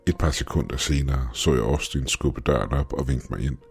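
Man with a super deep voice reading a spooky story, steady and measured, soft music under it. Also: slightly rough. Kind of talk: scripted story narration.

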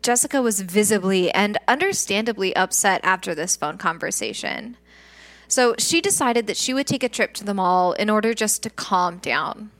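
A woman's voice: medium pitch, animated, moderate pace, a bit bright. A woman hosting a true crime podcast, reading scripted narration about criminal cases.

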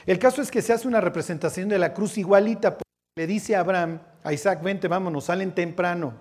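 A man's voice: high voice, fast talker, darkish tone, slightly rough. A man with a Mexican Spanish accent teaching a Bible sermon in a chatty way, often checking in with his listeners and dropping slangy asides. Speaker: preacher.

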